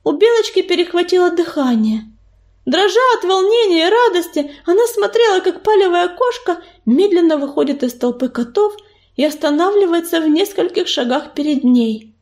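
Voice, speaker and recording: A woman reads a children's fantasy audiobook as scripted storybook narration. Her voice is high and very animated, rising and falling widely. Her delivery is dramatic and engaging. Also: moderate pace. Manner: expressive, dramatic.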